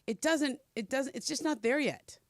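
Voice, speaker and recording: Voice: high-pitched, normal speed, dry recording, studio quality. A sports radio co-host chatting casually, in a skeptical, rambling way.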